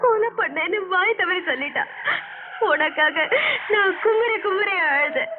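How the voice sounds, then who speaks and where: A shrill, very high female voice, crying and begging in fear. She is a guilt-ridden young woman pleading for mercy in an old film drama. The sound is tinny and thin, like an old movie soundtrack heard down a phone line. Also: animated, measured pace, crowd noise. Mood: sobbing, pleading. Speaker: frightened woman pleading with a ghost. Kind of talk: film melodrama acting.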